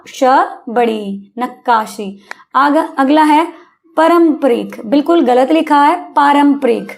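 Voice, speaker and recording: A high-pitched woman teaches schoolchildren their vocabulary in a coaxing, patient way. She keeps checking that they follow and spells words out sound by sound. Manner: coaxing, calls listeners beta, asks "hai na?". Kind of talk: Hindi vocabulary lesson for children.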